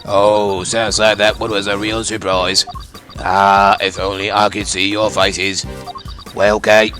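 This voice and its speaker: A man's voice: on the low side, flat delivery, slow, a bit bright, faint music behind, pitched below the performer's own voice. A man voicing a mocking, gloating phone caller whose voice comes through a voice changer. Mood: taunting. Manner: smug, teasing, taunting. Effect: voice changer over a phone line. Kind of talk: fan voice-over of a game.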